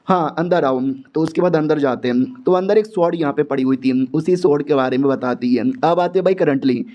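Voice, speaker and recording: A man's voice: a little high, fairly quick. A man narrating a manga story recap in a chatty, slangy way, talking to listeners like friends. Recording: dull lo-fi audio.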